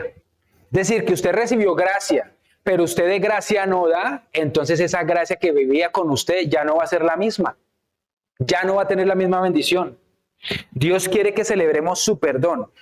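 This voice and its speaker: Higher-pitched male preacher, lively sermon. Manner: frequent rhetorical checks with the congregation; acts out biblical characters' words. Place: church in Canada.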